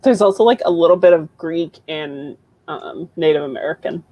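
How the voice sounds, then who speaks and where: A woman's voice: deep voice, moderate pace, muffled recording, a little hiss or hum. A woman co-hosting a live writing stream, telling stories casually and laughing often. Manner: laughing, anecdotal storyteller. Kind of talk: casual chat.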